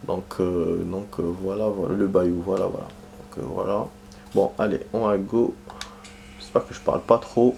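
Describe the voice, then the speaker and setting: A man chats his way through a video game in a low, relaxed voice. He rambles, trips over his words and circles back, full of small hesitations. The tone is warm and unhurried, like a regular talking to his viewers. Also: vocal fry, slight background noise. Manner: rambling, hesitant, lots of fillers and restarts. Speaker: gaming commentator. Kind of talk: casual let's-play commentary.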